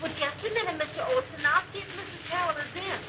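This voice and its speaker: A polite young woman in a 1930s Hollywood picture. Her voice is high, and the old soundtrack hums with noise. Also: fast talker. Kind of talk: 1930s Hollywood film acting. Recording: noisy old film soundtrack.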